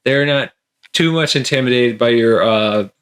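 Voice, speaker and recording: A man's voice: mid-range voice, moderate pace, fairly bright tone, clean tone. A man running a tabletop game as game master, rambling with lots of fillers and frequent laughter.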